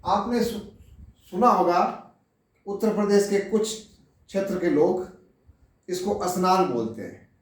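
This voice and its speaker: Slow-paced man lecturing in an echoey room. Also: high-pitched, animated, far from the mic. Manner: deliberate, explains word by word, addresses listeners directly. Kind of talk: slow classroom lecture on pronunciation.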